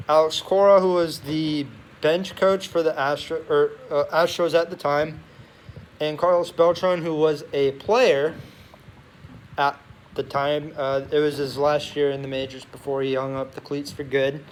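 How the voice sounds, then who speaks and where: A young man chatting casually as a sports vlogger in a locker room, rambling and often correcting himself. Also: a little high. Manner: halting, rambling, self-correcting. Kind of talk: casual chat to camera. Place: locker room beside a noisy gym. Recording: noisy locker room ambience.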